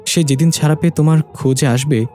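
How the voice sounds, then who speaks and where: A man's voice: fairly high pitch, steady tone, quick pace, mellow, soft background music, pitched above the performer's own voice, natural voice. A man voicing an angry, grieving father who speaks sternly and harshly.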